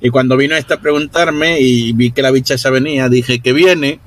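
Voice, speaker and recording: A man's voice: medium pitch, steady tone, fairly quick. Man, tabletop player, mid voice, rambling delivery. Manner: rambling, with restarts. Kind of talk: casual tabletop play.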